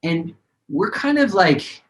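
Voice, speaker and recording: A man's voice: high-pitched, sing-song, takes it slowly, a bit bright, rough recording. A man, a singer-songwriter, talking casually and rambling with many fillers in a video-call interview.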